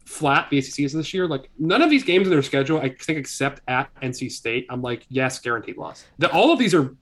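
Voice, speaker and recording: A man with a fairly high voice walks through a team's schedule in a casual podcast chat. He gets animated as he argues his points, hedging each take as he goes. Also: quick pace. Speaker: podcast co-host.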